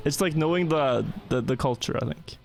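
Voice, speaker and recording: Slightly high-voiced male streamer. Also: gravelly, a little mellow, a little hiss or hum. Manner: talks in quick bursts with repeated words. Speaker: streamer host. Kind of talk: casual live-stream chat while gaming.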